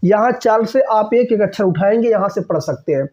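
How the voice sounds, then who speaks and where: Mellow-voiced man teaching a grammar lesson. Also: high-pitched, expressive, brisk, dull audio. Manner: repeats key points, frequent "ठीक है ना" checks; asks and answers own questions. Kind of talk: exam-prep grammar lesson.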